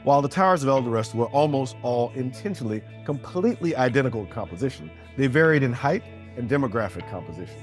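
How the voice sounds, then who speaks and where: A man narrating a fantasy story in a steady, descriptive way. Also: medium pitch, fast talker, few pauses, soft background music.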